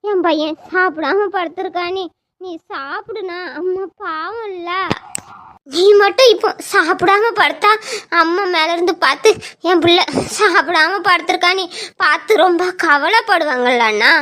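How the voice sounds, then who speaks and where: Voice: very high voice, a little slow, pushed and bright, exaggerated voice. A young performer voicing a tender younger sister who earnestly pleads with her older brother in an amateur audio drama. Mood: pleading. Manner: earnest, pleading, tearful at times.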